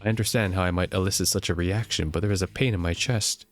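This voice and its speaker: A young man with a low, deep voice reads a game's story text aloud at a steady pace. He occasionally trips over words and jokes about it, with faint game music in the background. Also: fast. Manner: steady reading, jokes about own slips. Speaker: gameplay narrator.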